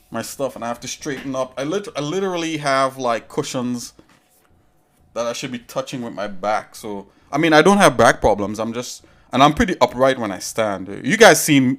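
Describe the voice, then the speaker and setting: A man's voice: medium pitch, fairly bright tone. Chatty man streaming a tutorial. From Trinidad and Tobago. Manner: rambling, chatty, talks straight to viewers. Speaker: livestream host. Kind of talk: casual livestream tutorial.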